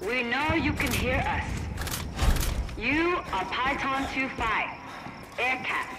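An actor voicing an enemy soldier who speaks through a loudspeaker with slow, coaxing threats to a trapped soldier. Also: male voice, very high-pitched, animated, background noise, heavily acted. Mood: taunting. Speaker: enemy propaganda voice. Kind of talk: video game voice acting. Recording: echoey loudspeaker broadcast over game music.

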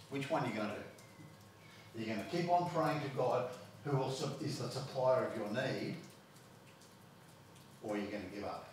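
A man with an Australian accent preaches as pastor in church, his medium-pitched voice accompanied by slight background noise. He repeats words and leans on key points as they build, captured by a distant mic in a very echoey hall.

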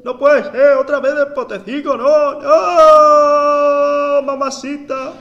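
A man voicing a whiny pestilence monster in a put-on Cuban accent, loud and theatrical. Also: very high-pitched, level tone, slow, highs cut off, voice pushed up, heavily acted. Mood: wailing.

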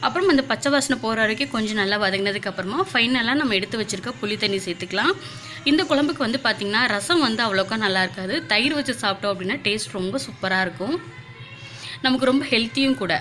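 Bright, fast-talking woman vlogger. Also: medium pitch, faint music behind. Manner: chatty, with frequent filler words. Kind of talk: casual vlog narration.

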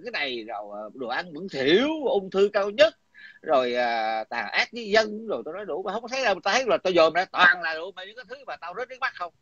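A man's voice: high voice, sing-song, quick pace, sharp tone, no room sound. A middle-aged man, talking in a heated, coarse and combative way, repeating himself. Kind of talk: heated casual talk. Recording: dull lo-fi dry sound.

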